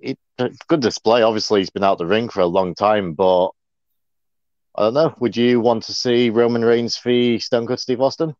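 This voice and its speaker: A man's voice: mid-range voice, fairly even intonation, moderate pace, a little mellow, no room sound. A man co-hosting a casual livestream chat, rambling and chatty. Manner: chatty, rambling, many fillers. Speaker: co-host. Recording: dull lo-fi dry sound.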